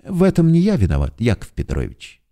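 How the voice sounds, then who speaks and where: A smug clerk voiced by a man talks down to his pleading double in short, offhand replies. The tone is mellow and dark, with lively shifts in pitch. It is an audiobook character voice. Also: fairly quick. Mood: smooth. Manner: curt, condescending, offhand. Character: smug, coolly dismissive male double, a clerk.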